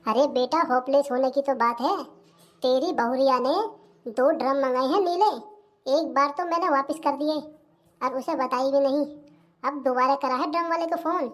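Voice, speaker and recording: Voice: high-pitched, normal speed, a bit bright. A voice actor playing a suspicious, fearful old village mother-in-law in a comedy cartoon, speaking with a rural Hindi accent. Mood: urgent. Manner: suspicious, fretful, muttering asides.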